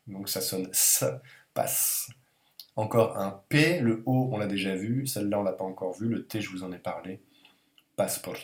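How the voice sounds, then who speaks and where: Lowish-voiced man teaching in an echoey room. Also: a little mellow. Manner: patient, reassuring, spells words letter by letter. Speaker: language teacher. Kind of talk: video lesson on the Russian alphabet.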